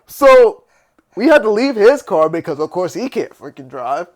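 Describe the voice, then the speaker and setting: A man's voice: high voice, big pitch swings, normal speed. A man casually telling a rambling story, laughing often and swearing freely. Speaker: podcast host.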